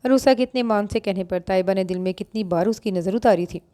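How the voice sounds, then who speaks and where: A woman narrating a novel in a steady, even storytelling voice. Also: medium pitch, fast, dry recording, studio quality. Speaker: audiobook narrator.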